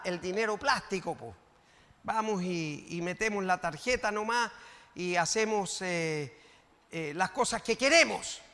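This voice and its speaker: An older man with a Chilean accent preaching a sermon in church, swinging from quiet teaching to shouted emphasis. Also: high voice, big-room sound. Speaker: pastor. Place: church sanctuary.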